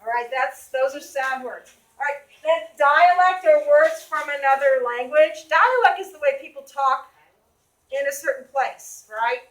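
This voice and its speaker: High, bright-voiced Boston-accented teacher. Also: female voice, unhurried. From Boston area. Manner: questioning, calls on students by name. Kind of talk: classroom reading lesson. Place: classroom. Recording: echoey classroom.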